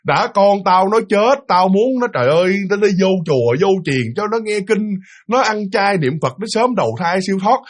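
A man with a Southern Vietnamese accent voicing an old grandmother who scolds a younger relative loudly and in exasperation. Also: high-pitched, sing-song, moderate pace, pitched above the performer's own voice. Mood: scolding.

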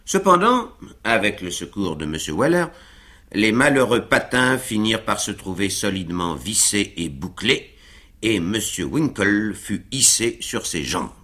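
A man narrates a classic novel for radio. He reads slowly with a lively, expressive melody. His voice sits low but sounds bright. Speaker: reader of a novel. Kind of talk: literary reading on radio.

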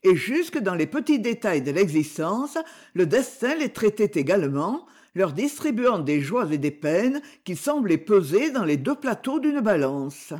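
An audiobook narrator reading a short story aloud. The voice is lively and rises and falls a lot, with dramatic pauses between phrases. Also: mid-range voice. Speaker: audiobook reader.

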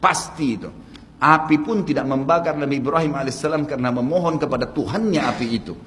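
A man with an Indonesian accent preaching a sermon, earnest and speaking straight to his audience, his pitch swinging up and down for emphasis. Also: fast talker, a bit bright, long reverb tail, slight background noise. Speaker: Islamic preacher.

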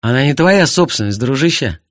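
A man's voice: mid-range voice, expressive, brisk, no room sound, studio quality, natural voice. A man voicing a brash, mocking young man in an audiobook. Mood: cocky. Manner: cheeky, mocking. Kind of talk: audiobook character voice.

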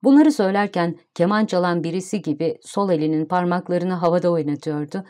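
A woman narrating a literary audiobook in a calm, even storytelling manner. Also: lowish voice, a little fast.

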